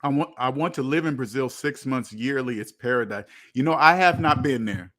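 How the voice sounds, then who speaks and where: Running his casual stream, a man from the United States reads and replies to viewer comments, rambling and repeating phrases for emphasis. His mid-range voice has a sharp edge and moves a little fast.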